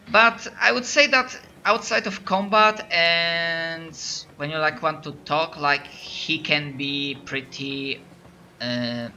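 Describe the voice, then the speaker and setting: With a Polish accent and a voice on the high side and sharp, a game master from Poland narrates hesitantly, restarting his sentences again and again. A slight hiss or hum runs under the audio.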